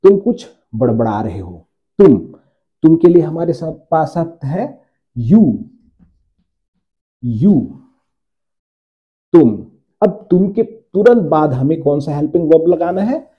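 A man teaching English grammar to his viewers, slowing down to repeat each example sentence. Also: on the high side, lively intonation, muffled recording. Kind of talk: Hindi-language grammar lesson.

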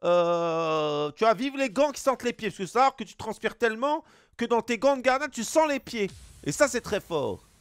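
A man's voice: high voice, very animated, moderate pace, smooth, no room sound. A Belgian man with a Belgian French accent, streaming live as he opens packs, greeting chat viewers and swearing casually.

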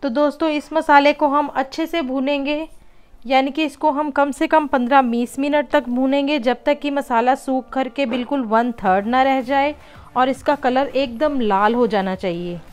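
A woman's voice: high voice, moderate pace, faint music behind. A woman hosting a home cooking channel, patiently explaining each step of a recipe in a voice-over and often calling her viewers friends.

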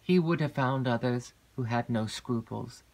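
A woman voicing a gloomy, secretive male porter in an audiobook, speaking slowly and gravely with long hesitations. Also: very deep voice, darkish tone, heavily acted. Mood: hesitant. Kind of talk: audiobook character reading.

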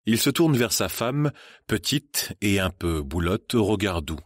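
A male narrator reading an audiobook in a calm, measured manner. His voice is low and husky. It is recorded dry and close, with no room sound. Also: no echo. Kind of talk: scripted narration.

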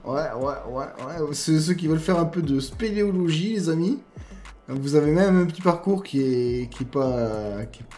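A gaming YouTuber with a non-standard French accent casually comments over gameplay while reviewing mods, chatting to his viewers as "guys" with lots of fillers and friendly asides. His voice sits on the high side, a little mellow, with lively intonation at a moderate pace, and soft music plays in the background.

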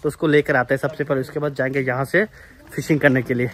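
A man's voice: medium pitch, steady tone, fast, background noise. A young man vlogging outdoors by a river, chatty and playful, laughing often, recorded on a phone held at arm's length. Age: young adult. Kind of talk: casual outdoor vlog chat. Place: outdoors by a river and on a village road. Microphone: phone camera at arm's length.

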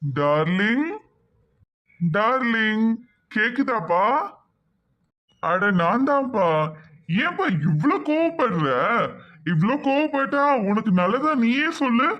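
A man's voice: very high voice, very animated, slow pace, pauses often, lo-fi sound, exaggerated voice. A man voicing a rich, lonely cartoon man who talks in a chatty, coaxing way and slips English phrases into his speech. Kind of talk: animated cartoon dubbing.

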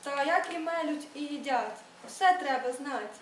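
A woman reading aloud speaks as an old Cossack father, giving steady instruction. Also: sits high, measured pace, a little hiss or hum. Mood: advising. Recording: echoey room, read from far off.

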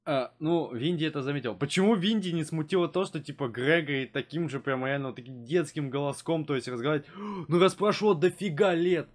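A man's voice: a little high, a little fast, hardly any pauses. A tired, yawning man talking through a reaction video in a rambling way, with lots of fillers. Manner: rambling, filler-heavy musing. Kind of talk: casual reaction commentary.

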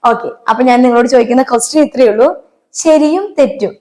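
A woman's voice: fairly high pitch, quick pace, a little mellow. A woman from Kerala, teaching Hindi in a patient online lesson and often checking that her students understand.

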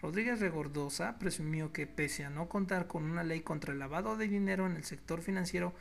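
A political blogger with a Mexican Spanish accent delivers an indignant, sarcastic news commentary monologue, addressing listeners as "you all". His voice is fairly high, creaky, and a bit bright.

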